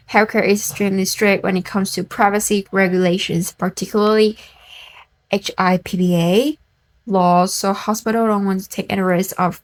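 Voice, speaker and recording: Woman narrator, measured scripted read, average pitch. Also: low-quality recording.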